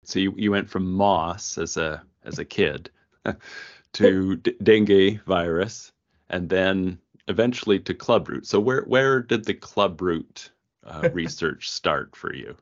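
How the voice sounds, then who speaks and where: A man hosting a podcast, reading a scripted intro and asking his guest measured, friendly questions. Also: low-pitched, lo-fi sound. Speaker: podcast host.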